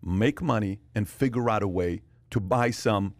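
A man's voice: lowish voice, moderate pace, no echo. A man in his forties hosting a podcast, talking emphatically and repeating phrases to drive his points home, recorded close on a studio mic. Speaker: podcast host. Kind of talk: animated casual discussion. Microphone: studio mic on boom arm, wearing headphones. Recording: dry close-miked studio sound.

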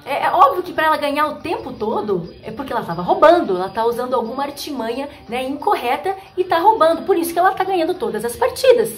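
A woman's voice: high voice, big pitch swings, quick pace, few pauses, faint music behind. Woman playing a whiny sore-loser cowherd god. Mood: indignant. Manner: whiny, pleading, indignant. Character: playful young male cowherd god, sulky sore loser.

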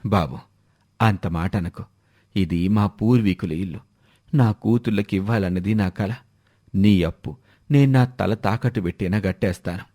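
A man voicing a poor, humble old village father who pleads slowly and softly. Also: on the low side, dry recording, studio quality, pitched below the performer's own voice, natural voice.

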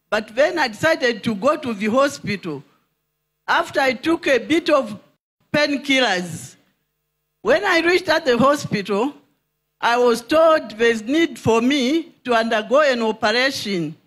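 A woman from Zambia, earnestly recounting her illness in a personal testimony. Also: high-pitched.

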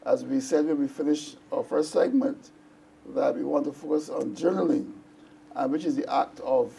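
A male reverend explaining journaling on a church television programme, talking conversationally and sometimes pausing to search for words. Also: on the high side, gravelly, mellow, a little hiss or hum.

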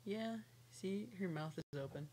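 A woman's voice: lowish voice, a little slow, warm tone. A young woman chatting casually to camera in a rambling way, breaking off now and then to coo at a pet. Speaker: pet snake owner vlogging. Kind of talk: casual vlog chat to camera. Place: small lamp-lit room at home. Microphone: webcam or laptop mic at arm's length. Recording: noisy home webcam audio.

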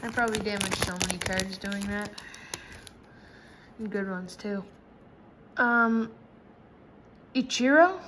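A woman chatting casually while opening trading card packs, breaking into high excited shrieks at big pulls. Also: slow, long pauses, noisy background. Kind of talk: casual pack-opening commentary. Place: indoors at a table. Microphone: camera over hands, speaker off screen.

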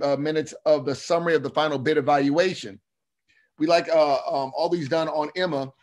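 A middle-aged man with a slight lisp and slushy s sounds, presenting testimony in a halting, frank, self-correcting way on a video call. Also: fairly high pitch. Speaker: state legislator presenting a bill. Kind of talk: committee testimony, semi-formal explanation.

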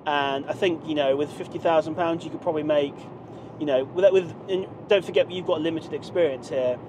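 Male vlogger, 30s, chatty and rambling, filmed from the dash of a moving car with steady road noise. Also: on the high side, brisk. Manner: rambling, many fillers and restarts, gestures while talking. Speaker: vlogger, online seller. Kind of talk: casual driving vlog monologue. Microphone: dashboard camera mic. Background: road and engine noise.

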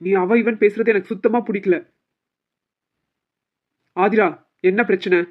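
A woman voicing a calm, firm young husband in a cartoon family drama, questioning the others. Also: mid-range voice, unhurried, close to an everyday voice. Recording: dull lo-fi audio.

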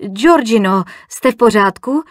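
A woman's voice: on the high side, lively intonation, no room sound, studio quality, natural voice. A woman reading an audiobook, voicing a mischievous, provocative society woman with a teasing, needling manner.

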